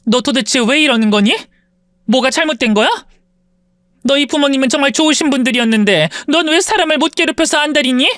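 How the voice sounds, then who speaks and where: A woman voicing a patient middle-aged woman, a former maid, who answers a bully in a calm, restrained way in an audio story. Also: high-pitched, brisk, dry recording, clean studio sound.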